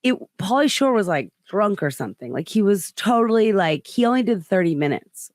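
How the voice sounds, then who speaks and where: A woman hosting a podcast tells a long story in loose, casual chat, packed with fillers and voices for the people she quotes. Her pitch sits in the middle for a woman. The sound is dry and close. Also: big pitch swings, a little fast, darkish tone, dry recording. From United States. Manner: rambling storyteller, many "like" fillers, acts out quotes. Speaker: podcast host and comedian.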